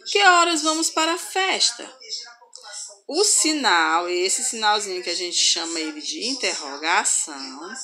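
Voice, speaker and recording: A woman teacher giving a slow grammar lesson to children, reading example sentences aloud with expressive intonation. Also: mid-range voice. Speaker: schoolteacher.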